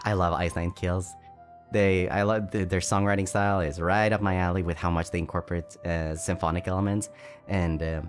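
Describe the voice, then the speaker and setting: Guy streamer reading donos, lowish voice, kinda stumbly and self-deprecating, soft music behind. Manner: chatty, self-deprecating, stumbles over words. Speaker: VTuber streamer. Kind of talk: casual livestream chat, reading donations.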